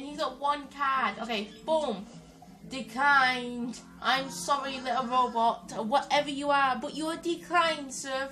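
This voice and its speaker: Excitable high-voiced woman gamer. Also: far from the mic. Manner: excitable, chatty, talks to game characters. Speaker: gaming YouTuber. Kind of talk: let's-play commentary.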